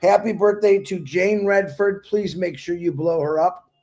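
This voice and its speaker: A man's voice: sits high, moderate pace, a little mellow. A man co-hosting a live stream, making upbeat announcements and introducing a guest, stumbling and restarting now and then. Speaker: co-host.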